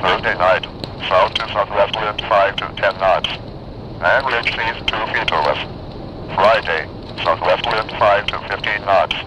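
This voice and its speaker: A man's voice: fairly low pitch, measured pace, highs cut off. A synthesized male announcer reading weather and marine forecasts, heard over a weather radio. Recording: noisy radio reception with hiss.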